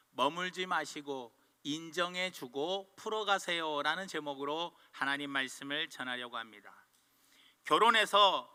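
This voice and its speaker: A male pastor delivers a storytelling sermon and acts out the voices of the people in his story. His voice sits high and rings brightly, and a long reverb trails behind it in the sanctuary. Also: clear, resonant tone. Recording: long church hall reverb.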